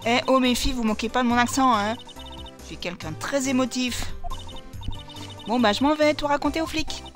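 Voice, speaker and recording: A woman voicing an excitable female photographer with a put-on southern French accent, reading game dialogue aloud. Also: high voice, moderate pace, soft background music, close to an everyday voice. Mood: cocky. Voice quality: chatty, exclamatory, playful twang. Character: excitable middle-aged woman photographer, chatty.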